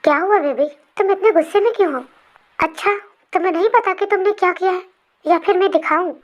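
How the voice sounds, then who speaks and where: A woman's voice: very high-pitched, brisk, muffled recording. A woman voicing a remorseful young man who pleads with his lover, in an emotional fan storybook reading. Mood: sweet.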